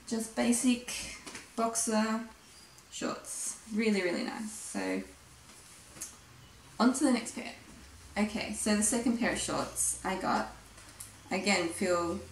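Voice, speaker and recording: A woman's voice: medium pitch, slight background noise. A young Australian woman with a fading voice chatting casually and gushing about her clothes. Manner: chatty, gushing, says "like" and "literally" a lot. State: losing her voice. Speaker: vlogger. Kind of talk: casual try-on haul chat. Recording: echoey room.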